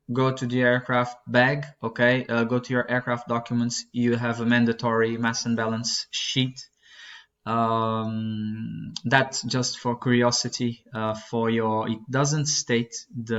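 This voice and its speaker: A young man teaching a flight-prep lesson as he works through a chart, talking in a halting way with many fillers and self-corrections. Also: medium pitch. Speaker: flight instructor. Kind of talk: screen-recorded lesson walkthrough. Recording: dull lo-fi sound.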